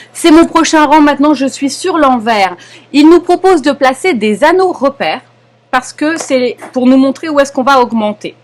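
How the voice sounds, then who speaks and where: A young adult woman with a French accent, patiently explaining a knitting lesson step by step, often pausing and checking in with her students. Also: high-pitched. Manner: patient, explanatory, frequent hesitations and checks "d'accord?". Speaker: knitting teacher. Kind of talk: live online knitting lesson.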